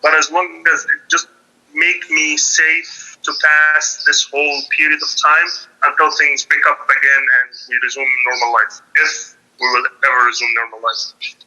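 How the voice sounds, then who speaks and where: A man's voice: a little high, flat delivery, normal speed, bright, forceful tone, poor audio. Hesitant young man on a call. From Qatar. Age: young adult. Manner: hesitant, many ums and restarts. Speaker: laid-off engineer seeking career advice. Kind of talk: interview over a call.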